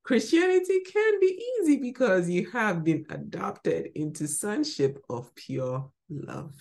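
A deep, gravelly voice belongs to a woman from Ghana who hosts a podcast and gives spoken devotional teaching. She's emphatic, moving from bright exclamations down to soft murmurs.

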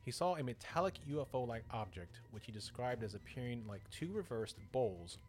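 Over soft background music, a podcast host spins strange stories in a lively, joking way, tossing in asides and correcting himself as he goes. He speaks briskly in a mid-range voice.

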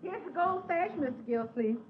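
A folksy fussing house cook. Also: female voice, very high voice, lively intonation, moderate pace. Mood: admiring. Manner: folksy, drawling. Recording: dull old radio broadcast, hiss.

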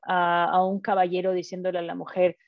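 A woman therapist speaking about couple communication, often pausing with fillers and restarting her sentences. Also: fairly low pitch, completely flat delivery, creaky, dry recording. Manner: hesitant, many fillers and restarts, acts out examples. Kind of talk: live talk on couple communication. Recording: dull muffled dry sound.

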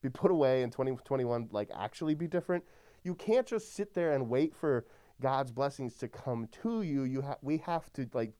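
A priest chatting casually on a podcast, his voice smooth and resonant at an ordinary middle pitch. He rambles easily and often leans on "like" and "you know.". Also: lively intonation, moderate pace, warm tone. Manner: easygoing, heavy use of "like" and "you know".

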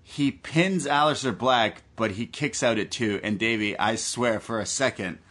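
A man's voice: medium pitch, normal speed, a bit bright. A man hosting a podcast, giving a casual, enthusiastic fan's recap of a wrestling match. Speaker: podcast host.

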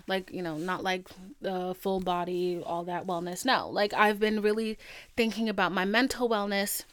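A woman's voice: medium pitch, fairly even intonation, moderate pace, no room sound. A woman podcast host chatting casually and confessionally to listeners, candid, slangy and emphatic.

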